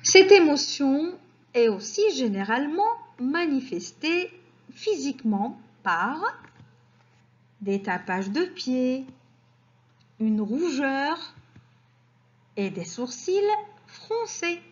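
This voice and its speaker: A woman teaching French vocabulary, speaking slowly and repeating example sentences for learners. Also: high-pitched, very animated, muffled recording. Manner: slow and deliberate, repeats words for learners.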